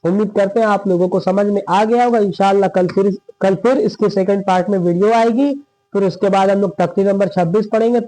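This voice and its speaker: Man teaching a recitation lesson, high mellow voice, dry close sound, stretches out example words, keeps checking in. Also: no echo, low-quality recording. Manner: drawn-out demonstration of words, frequent checking "theek hai". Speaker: Quran reading teacher. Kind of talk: slow step-by-step recitation lesson.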